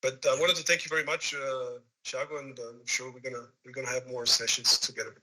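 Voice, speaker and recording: A man hosting an online session informally, speaking haltingly and repeating words as he introduces and moderates. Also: mid-range voice, flat delivery, pushed and bright, poor audio. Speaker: host, moderator.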